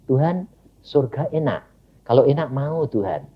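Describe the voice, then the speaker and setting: A man, within a sermon, voicing his sick young daughter in a soft, subdued way. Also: medium pitch, very animated, a little slow, slightly rough, muffled recording. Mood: faint.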